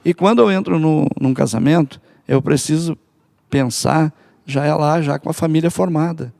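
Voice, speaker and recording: Brazilian man, family ministry guest; halting, filler-heavy delivery, slightly high and gravelly. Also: dark tone. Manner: hesitant, many fillers and restarts. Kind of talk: casual church podcast talk.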